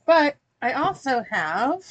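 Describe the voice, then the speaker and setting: A woman's voice: high-pitched, very animated, takes it slowly, slight background noise. A woman hosting a casual snack-box unboxing, chatty and wry, reading the packaging aloud. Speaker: host reviewing a snack box.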